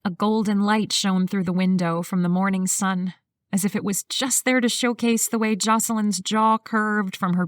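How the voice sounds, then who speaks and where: A woman narrating a sweet romance novel, her delivery steady and smooth. Her voice sits in a middle pitch, recorded close and dry with no room sound. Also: dry recording. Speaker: audiobook narrator. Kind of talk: scripted narration.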